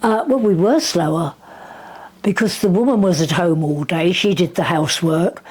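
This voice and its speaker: A very old woman in her nineties, from southern England and with a southern English accent, reminisces chattily and wryly as an interviewee in casual conversation. Her lowish voice is a little mellow with a breathy edge, at a normal pace.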